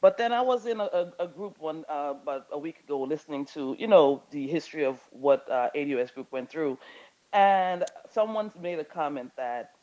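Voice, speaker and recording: A man from Guyana and Brazil talking in a casual discussion, halting and full of restarts. His voice is somewhat high for a man and comes through dull and lo-fi. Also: warm tone. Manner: halting, many fillers and restarts. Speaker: participant in an audio chat room. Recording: dull lo-fi audio.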